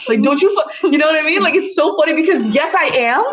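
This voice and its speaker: A woman with a high voice chatting frankly and swearing freely. She agrees quickly and fires back with sassy retorts. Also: expressive, a bit bright. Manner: candid and profane, quick to agree and sass back. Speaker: podcast co-host. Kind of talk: casual chat.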